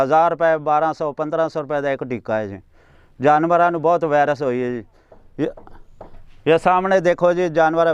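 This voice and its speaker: A village man speaks plainly to an interviewer with a Pakistani Punjabi accent. His voice is strikingly clear and a little high, though the recording is slightly dull. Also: dry recording. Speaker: villager livestock keeper. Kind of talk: plain spoken interview appeal.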